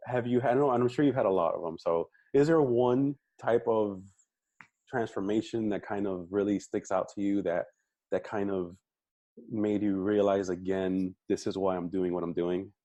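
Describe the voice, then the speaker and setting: A man's voice: lowish voice, moderate pace, dark tone, dry recording. A man hosting a fitness podcast, chatting casually and affirming his guest, often repeating words as he thinks. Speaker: podcast host and coach. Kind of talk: casual interview chat.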